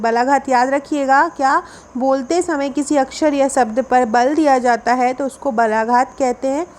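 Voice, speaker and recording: A woman, teaching Hindi grammar for an exam and explaining step by step, repeating key definitions. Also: high voice.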